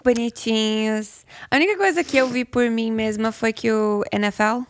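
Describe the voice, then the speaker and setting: A Brazilian woman in her thirties chatting casually as a podcast co-host, her voice hoarse, cracked, grating and failing. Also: on the high side, normal speed. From southern Brazil.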